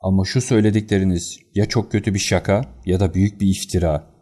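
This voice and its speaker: A man reading the lines of an anxious, quick-tempered colonel in an audiobook, in an agitated and excitable manner. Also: low voice.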